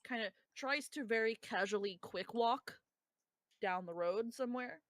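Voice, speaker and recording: A woman running a tabletop game as game master, narrating in a relaxed, chatty way. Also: fairly high pitch, measured pace, no room sound.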